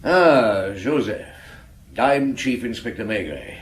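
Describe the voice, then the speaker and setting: An actor playing a patient middle-aged chief inspector in a radio drama, questioning deliberately and kindly. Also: male voice, medium pitch, expressive, a little hiss or hum. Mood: gently probing. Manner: questioning, deliberate, gently coaxing. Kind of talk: naturalistic radio drama acting.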